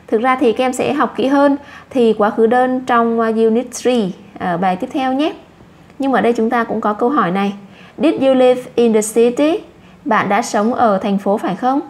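A woman with a Vietnamese accent teaching English to children, saying each English word slowly twice and explaining it in Vietnamese. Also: on the high side, a little mellow. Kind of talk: slow classroom explanation for children.

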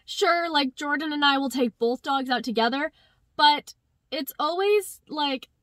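Young woman, high voice, chatty, upbeat, in a car, dry close sound. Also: measured pace, a bit bright, dry recording. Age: young adult. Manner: chatty, upbeat, talks to her dog. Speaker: vlogger. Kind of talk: casual chat to camera. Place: inside a parked car. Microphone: phone or camera at arm's length.

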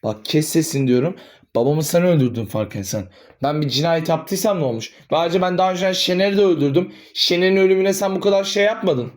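A man's voice: a little high, quick pace, natural voice. [name]: a man voicing a defiant hot-headed young killer. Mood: furious. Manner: defiant, shouting back in rage. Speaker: voice actor in amateur animated drama. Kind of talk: animated drama voice acting.

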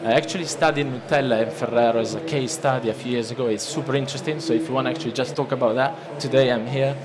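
Over a noisy crowd of listeners in a large conference hall, an Italian presenter in his thirties talks fast at a lectern microphone, his medium-pitched voice keeping a fairly even intonation. His accented seminar talk is loose and conversational, with frequent restarts and fillers.

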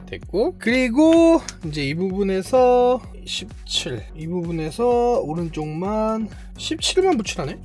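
Kit builder narrating a build, swooping pitch, self-praising, muttering to themself, faint music underneath. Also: darkish tone. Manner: chatty, talks to self while building; playfully boastful, self-praising. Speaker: model kit reviewer. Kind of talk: hands-on build commentary.

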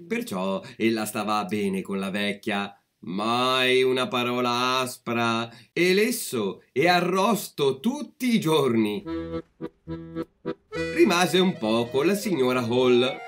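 A man reading a fairy tale aloud as a storyteller, calm and measured. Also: mid-range voice.

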